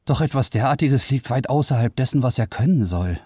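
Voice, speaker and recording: A man's voice: mid-range voice, expressive, fairly quick, dark tone, husky, no room sound, studio quality, pitched above the performer's own voice. A man voicing a bewildered male IT researcher who gives commands and gets flustered.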